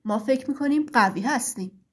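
A woman's voice: sits high, lively intonation. A woman voicing the clouds, who speak together and agree in a storybook. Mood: agreeable. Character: clouds, proud group that gives way.

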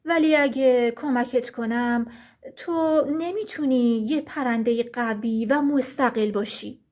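A woman voicing a willow tree in a storybook tale that sounds caring but will not help, speaking slowly and softly. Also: on the high side, natural voice. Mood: mock-caring. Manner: slow, soft, mock-caring. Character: falsely sympathetic willow tree.

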